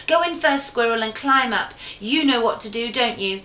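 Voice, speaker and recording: A woman's voice: a little high, animated, normal speed, bright, forceful tone, a little hiss or hum. A woman voicing a sensible young boy who speaks earnestly in a storybook reading, in an echoey room.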